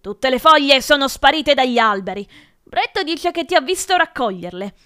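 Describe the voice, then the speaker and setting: A woman reading aloud and voicing a stern male schoolteacher who shouts and scolds. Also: high-pitched, animated, moderate pace, clear, resonant tone, exaggerated voice. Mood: angry shouting. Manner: yells and scolds.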